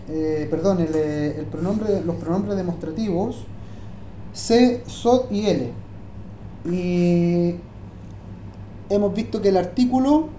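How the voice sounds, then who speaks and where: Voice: mid-range voice, dark tone, roomy sound, a little hiss or hum. A Hebrew teacher gives a language lesson, often hesitating and repeating words while thinking aloud.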